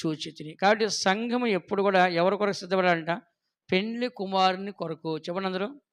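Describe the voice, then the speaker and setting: A man preaching a sermon as pastor, often asking the congregation questions and prompting them to answer, with lively storytelling. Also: high-pitched, clean tone. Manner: animated storytelling with quoted voices.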